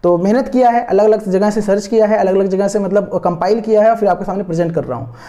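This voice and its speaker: Mellow-voiced male tutor repeating points. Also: high voice, fast. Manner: repeats key words often, full of hesitant fillers; coaxing and encouraging toward students. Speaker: exam-prep teacher. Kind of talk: online lesson explaining memory tricks from slides.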